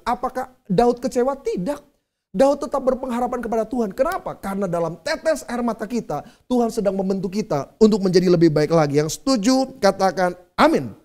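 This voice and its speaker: Mellow-voiced male pastor preaching. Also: very high voice. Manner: conversational preaching, addresses the congregation directly. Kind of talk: sermon.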